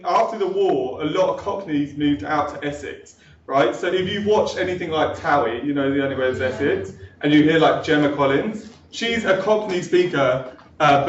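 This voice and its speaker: A man's voice: fairly high pitch, a little hiss or hum. A young man from London teaching students in a classroom, chatty, tagging lines with "right?". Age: young adult. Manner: chatty, keeps checking in with "right?". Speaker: linguistics lecturer. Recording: echoey room, far from mic, dull sound.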